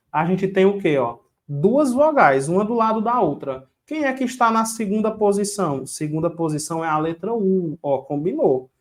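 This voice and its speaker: A man teaching an online exam-prep grammar lesson, quizzing the viewers and drilling rules with repetition and a rhyme. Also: on the high side.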